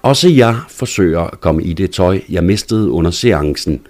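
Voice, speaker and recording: Deep-voiced man reading a story. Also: expressive, a little mellow. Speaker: narrator. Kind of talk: scripted first-person story narration.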